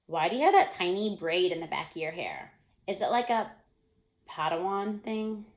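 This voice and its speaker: A woman's voice: lowish voice, big pitch swings, normal speed, roomy sound. A woman voicing a boastful fifth-grade boy who talks eagerly.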